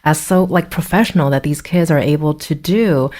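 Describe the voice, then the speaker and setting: A woman interviews a guest on public radio. Her voice is very low for a woman. She speaks conversationally, as the host putting questions to a guest. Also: moderate pace, darkish tone.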